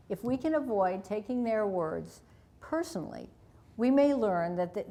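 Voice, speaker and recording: A woman author reads aloud from her own parenting book in a measured, calm manner. Her voice sits at an ordinary mid pitch.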